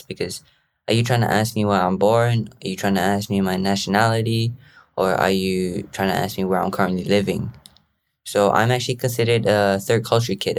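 A teenage boy from Malaysia hosting a podcast, talking in a rambling, jokey, informal way. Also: lowish voice. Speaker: podcast host. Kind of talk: casual podcast monologue.

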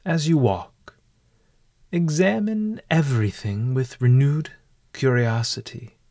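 A man leading a guided walking meditation in a calm, deliberate, measured way. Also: medium pitch.

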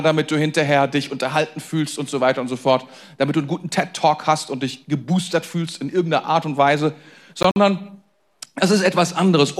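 A man preaching a sermon in a conversational way, talking straight to his listeners and moving between loud emphasis and quiet intensity. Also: high-pitched. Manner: conversational, addresses listeners directly. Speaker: pastor.

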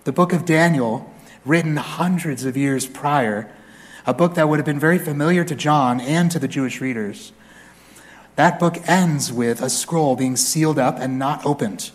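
Preaching in church at a normal speed, this pastor has a slightly high voice. His expressive scripture reading is mixed with funny, chatty asides.

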